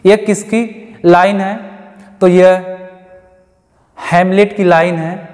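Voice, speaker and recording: Slow high-voiced male teacher, reverberant. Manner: drawn-out stressed English terms, rhetorical questions. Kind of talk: exam-prep lecture. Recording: long hall reverb.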